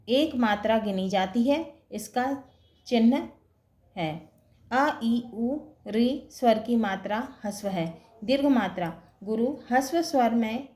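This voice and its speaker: A woman teacher with a fairly high voice takes her lesson very slowly. She counts syllables out loud, one after another, and keeps pausing to check that her class is following. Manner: slow, steady counting aloud with repeated checks. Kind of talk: Hindi grammar lesson.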